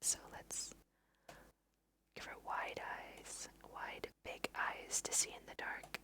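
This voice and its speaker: This is a let's play host, a woman whispering gently over her gameplay for ASMR. She thinks out loud without hurry, walking her listeners through what she's doing.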